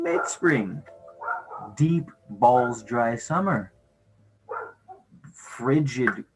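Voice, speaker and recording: A man's voice: mid-range voice, low-quality recording. A man with a mid-range voice talks off the cuff as a livestream host. His delivery is laid-back stoner chat, full of slang and casual swearing. Music plays behind him. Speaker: livestream host chatting with viewers.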